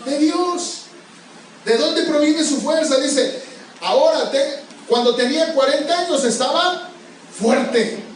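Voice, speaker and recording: High-voiced male pastor preaching. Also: slow, long pauses, a little hiss or hum. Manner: emphatic, questioning the congregation. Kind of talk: sermon. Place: church sanctuary. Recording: echoey church hall, far from mic.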